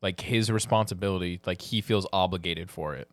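A man's voice: sits low, fairly quick, no room sound. A man co-hosting a podcast in casual chat, laid-back and drawn out, full of filler words. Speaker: podcast co-host.

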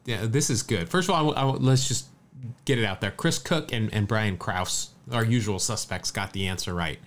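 A man's voice: fairly low pitch, normal speed. A man co-hosting a casual sports podcast, reeling off statistics with a light, chatty manner. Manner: lively, rattles off stats. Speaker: podcast co-host.

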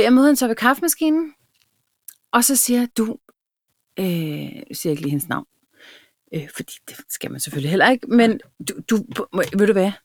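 A woman's voice: mid-range voice, dry recording, studio quality. A woman chatting casually and frankly as a co-host, telling stories and laughing often. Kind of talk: casual chat.

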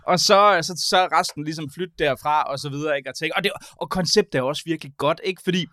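A man's voice: fairly high pitch, sharp tone, dry recording, studio quality. A man in casual conversation as a podcast co-host, wry and ironic, stammering over his words as he starts. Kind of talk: casual chat.

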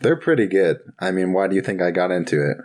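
A man's voice: sits low, lively intonation, fast talker, a little mellow. A brash man player who swears a lot, chatting at a tabletop game. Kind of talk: casual chat at a tabletop game.

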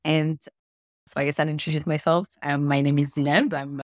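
A woman's voice: low-pitched, little pitch movement, moderate pace, no room sound, studio quality. A woman in her thirties from Morocco, a podcast guest telling her story in an earnest, thoughtful way with small laughs. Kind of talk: reflective conversational interview.

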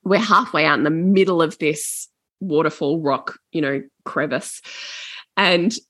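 A middle-aged woman spins a rambling holiday story in easy, casual talk, now and then acting out the other people in it. Her voice sits a little low, and it is recorded close and dry, with no room sound. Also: measured pace, no echo. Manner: animated, acts out voices in stories, swears casually. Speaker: podcast guest.

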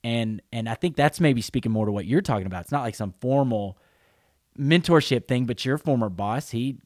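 A man's voice: mid-range voice, expressive, fairly quick, no echo, studio quality. A man hosting an interview podcast, thinking aloud in a friendly, rambling way. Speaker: podcast host. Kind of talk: casual interview talk.

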